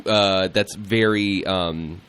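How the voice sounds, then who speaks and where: A man's voice: sits low, fairly even intonation, slow pace, a bit bright, clear, resonant tone. A man co-hosting a radio show, playfully teasing his partner in casual banter. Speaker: radio co-host.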